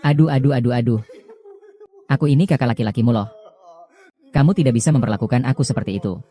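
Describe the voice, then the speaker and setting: A man's voice: mid-range voice, fast, mellow, lightly acted. A man dubbing a shameless older brother who whines and pleads with his sibling. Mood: wheedling. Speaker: older brother in a family quarrel. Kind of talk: dubbed drama dialogue.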